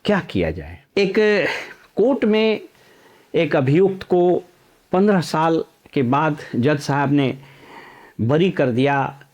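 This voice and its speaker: A man's voice: a little high, big pitch swings, darkish tone. A middle-aged man from Bihar, a former civil servant giving storytelling commentary full of proverbs and anecdotes. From Nalanda district, Bihar. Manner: anecdotal, uses proverbs, measured.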